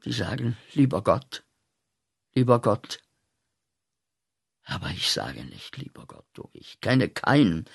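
A bitter young man back from the war hurls accusations at God in a radio drama. His voice is gravelly and husky, and his delivery is slow and deliberate. He sinks to a mutter, then flares up into loud outbursts. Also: lowish voice, very animated, heavily acted. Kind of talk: radio play acting.

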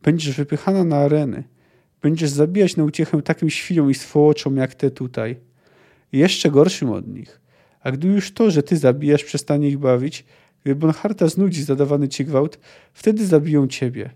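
A man reading aloud, voicing a stone-faced male swordsman who speaks quietly and ominously. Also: fairly high pitch, moderate pace. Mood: grim. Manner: quiet, menacing.

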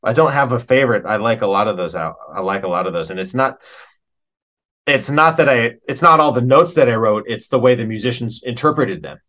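A middle-aged American man, appearing as an interview guest, chats casually and tells stories in an animated, colloquial way. His voice is medium-pitched and his pace a little fast.

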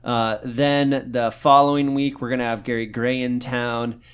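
A man's voice: mid-range voice, little pitch movement, a little slow, smooth. A man from Arizona co-hosting a casual podcast, talking loosely with many fillers and restarts. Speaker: podcast co-host, physical therapist.

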